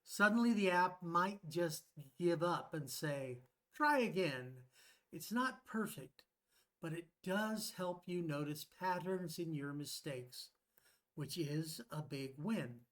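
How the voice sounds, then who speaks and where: A man's voice: on the high side, slow, fairly bright tone. A man, an English professor, presenting a playful scripted video lesson.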